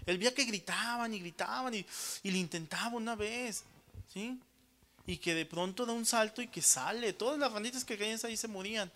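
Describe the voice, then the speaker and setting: A man's voice: sits high, a little fast, bright, forceful tone. A man preaching a sermon, often calling the congregation brothers and checking in with them after each point. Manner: addresses listeners as brothers.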